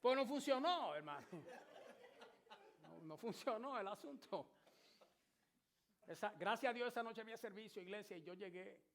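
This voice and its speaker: A pastor in his sixties preaches with animated storytelling and sudden emphatic outbursts. His voice sits high and rings bright. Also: moderate pace, long pauses, a little hiss or hum. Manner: storytelling, emphatic, shouts at climaxes. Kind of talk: sermon.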